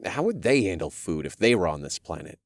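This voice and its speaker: A man's voice: sits low, sing-song, brisk, creaky, dry recording, clean studio sound. A man narrating a fantasy audiobook in the first person, with wry storytelling.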